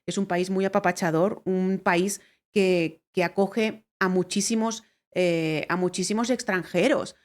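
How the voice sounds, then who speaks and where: A woman's voice: fairly low pitch, fairly even intonation, measured pace. A woman from Spain with a Spanish accent, hosting a reaction video in chatty, emphatic casual talk full of fillers. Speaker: reaction channel host. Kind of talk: casual chat.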